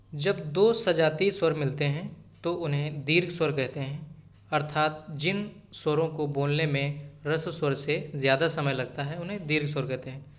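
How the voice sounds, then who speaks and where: A man teaching an exam-prep grammar lesson, greeting viewers as friends and repeating each key point so they remember it. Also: fairly high pitch.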